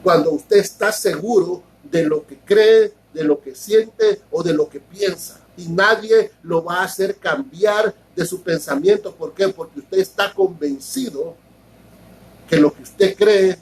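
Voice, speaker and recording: Husky high-voiced male pastor preaching. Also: low-quality recording. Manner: explains slowly, repeats words and keeps asking ¿verdad?. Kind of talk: sermon.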